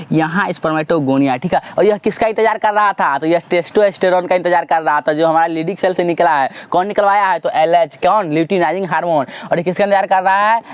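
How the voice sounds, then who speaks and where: High-voiced male biology teacher drilling questions. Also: clear, resonant tone. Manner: drills with repeated call-and-response questions; urges students to answer loudly. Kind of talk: classroom lecture.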